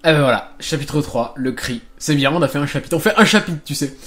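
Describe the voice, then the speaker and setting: A man's voice: fairly high pitch, expressive, fairly quick, fairly bright tone. A man casually commenting on a video game he is playing, rambling with lots of fillers, restarts and swearing. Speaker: gaming channel host. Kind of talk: casual let's play commentary.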